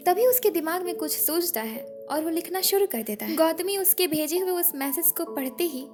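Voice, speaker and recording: Female storyteller, high-pitched, dramatic narration over music. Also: lively intonation, normal speed, a little mellow. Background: background music.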